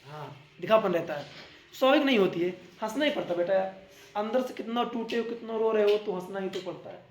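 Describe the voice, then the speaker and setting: A man teaching a class, explaining with lively everyday examples and acted-out asides. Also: high voice, fairly quick, slight background noise. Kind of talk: classroom lecture. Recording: echoey classroom.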